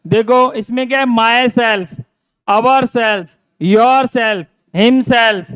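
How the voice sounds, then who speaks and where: A man's voice: very high-pitched, drawn-out words, fairly bright tone, clear, resonant tone, dry recording, muffled recording. A male teacher giving a grammar lesson, repeating his own questions and answering them.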